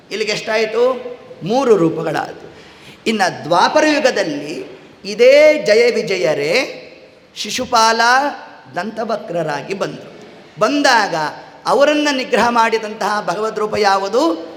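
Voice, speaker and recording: A man's voice: high voice, a bit bright. A man telling a sacred story in a devotional discourse. He poses questions and answers them himself, and he speaks the lines of the figures in the story. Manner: acts out dialogue between figures in the story. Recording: echoey hall reverb.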